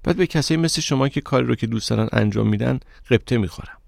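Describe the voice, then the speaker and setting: A man's voice: mid-range voice, gravelly, a little mellow, no echo, studio quality, pitched above the performer's own voice. A man reading the lines of a polite, guarded young woman narrator in an audiobook, in a plain, slightly hesitant voice. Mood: frank.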